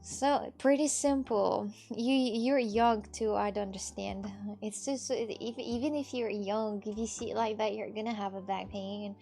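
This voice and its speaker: A woman's voice: mid-range voice, steady tone, a little slow, creaky, few pauses, dark tone, soft background music. A woman in her twenties, a streamer chatting casually with viewers, rambling, laughing often and swearing freely. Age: 20s. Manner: rambling, giggly, frequent swearing. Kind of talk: casual chat answering viewers.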